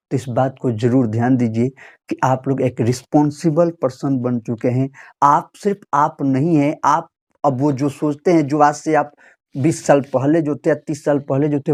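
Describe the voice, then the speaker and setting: A man's voice: mid-range voice, dark tone. A young man from Bihar in India giving an earnest vlog commentary, speaking straight to his listeners and appealing to them. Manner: earnest, appealing and lecturing, direct address. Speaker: vlogger. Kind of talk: earnest direct-to-camera commentary.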